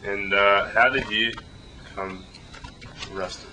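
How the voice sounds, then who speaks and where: Bright-voiced male interviewer, fairly low pitch. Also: fairly even intonation, takes it slowly, slight background noise, low-quality recording. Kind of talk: casual interview questions.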